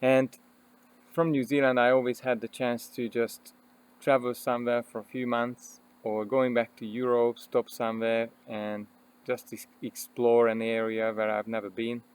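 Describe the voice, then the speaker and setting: A man from Hungary with a Hungarian accent, a personal development coach telling his own story in an earnest, unhurried way with frequent pauses and fillers. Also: mid-range voice, little pitch movement, clear, resonant tone.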